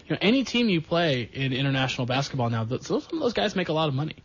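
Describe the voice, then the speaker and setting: A man's voice: fairly high pitch, sing-song, racing, husky. Chatty sports podcast host man. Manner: chatty, jokey, sarcastic asides. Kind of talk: casual sports chat. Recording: dull lo-fi sound.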